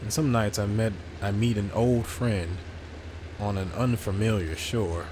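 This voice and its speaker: A man reading as a weary lone river traveler, low voice. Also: steady tone, a little slow, noisy background, lightly acted. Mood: wistful.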